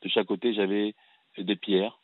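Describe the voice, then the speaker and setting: A man in his thirties, originally from Cameroon, calling in to a radio show and telling his story in an earnest, halting way with frequent restarts. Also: fairly low pitch, little pitch movement, no room sound. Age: 30s. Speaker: caller. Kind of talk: phone-in personal testimony. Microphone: telephone. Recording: tinny phone line.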